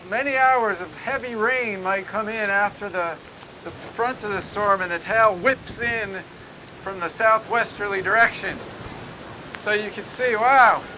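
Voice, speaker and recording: A man's voice: sits high, sharp tone, rough recording. A man giving a loose, ad-libbed live weather report from outdoors on a city street. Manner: loose, rambling, ad-libbed delivery. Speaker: amateur storm reporter. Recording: windy outdoor mic noise. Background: gusting wind.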